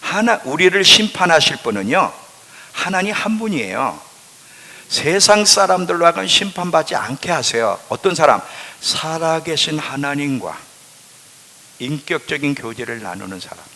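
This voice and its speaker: Male pastor with a lilt, lively pitch, quizzes his flock and answers himself; long church-hall echo. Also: normal speed. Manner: asks the congregation questions and answers them himself; emphatic, swings between loud and hushed. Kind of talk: sermon. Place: church sanctuary.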